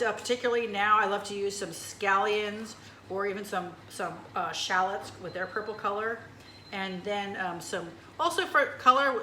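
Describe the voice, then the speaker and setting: A woman's voice: mid-range voice, bright, forceful tone, roomy sound, a little hiss or hum. A woman hosting a cooking demonstration in a kitchen, talking in a chatty, enthusiastic way with lots of fillers. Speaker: cooking show host.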